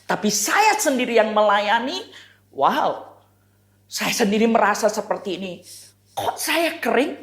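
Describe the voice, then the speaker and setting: Slow-speaking woman pastor in an echoey church. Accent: Indonesian. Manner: animated storytelling, acts out quoted voices with raised pitch. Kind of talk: sermon.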